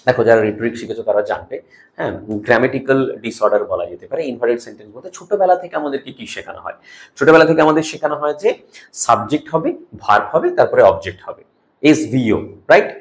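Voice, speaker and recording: A man with a Bengali accent teaching English grammar rules for an exam, explaining each rule and reading example sentences slowly and deliberately, checking in with "okay?" as he goes. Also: medium pitch, big pitch swings. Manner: mixes English terms into Bengali, asks "ok?" often. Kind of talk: exam-prep grammar lesson.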